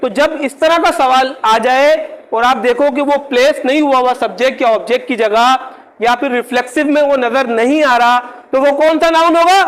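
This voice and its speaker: Very high-voiced man teaching a grammar class. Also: a bit bright, low-quality recording. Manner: keeps checking if the class follows; slows down to spell out example words. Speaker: English teacher.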